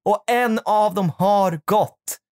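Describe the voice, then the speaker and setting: A man's voice: high voice, a little mellow, no echo, clean studio sound. A young man and podcast co-host, telling a rambling story in casual chat, swearing and using many fillers.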